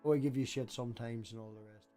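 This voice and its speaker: A man's voice: medium pitch, fairly even intonation, fast, warm tone, soft background music. A man hosting a casual livestream panel, blunt and sweary, often cutting in. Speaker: livestream host.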